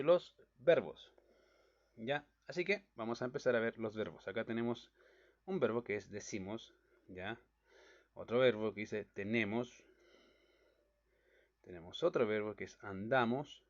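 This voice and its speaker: Man teaching a recorded lesson. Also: fairly low pitch. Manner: explanatory, checks in with a repeated "¿ya?". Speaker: Bible study teacher. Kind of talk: recorded lesson explaining sentence diagramming. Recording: dull lo-fi recording.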